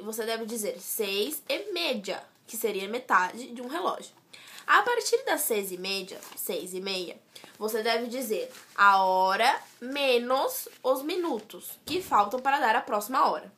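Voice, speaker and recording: Bright-voiced woman explaining Spanish grammar. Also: on the high side, expressive, measured pace. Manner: explains step by step, with restarts and "certo?" checks. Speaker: student tutor. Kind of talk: casual explanatory lesson.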